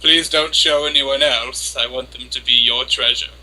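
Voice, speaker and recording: Casting: male reader for lovestruck young anime woman, obsessive and flustered; hammy, theatrical dramatic reading, piercingly bright delivery. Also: mid-range voice, steady tone, normal speed, rough recording. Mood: eager, devoted. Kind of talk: dramatic reading of an internet post.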